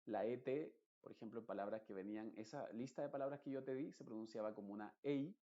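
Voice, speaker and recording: A man's voice: medium pitch, dark tone. Muffled man teaching pronunciation. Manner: patient, explanatory, repeats words slowly to model them. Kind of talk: online lesson, explaining to the viewer.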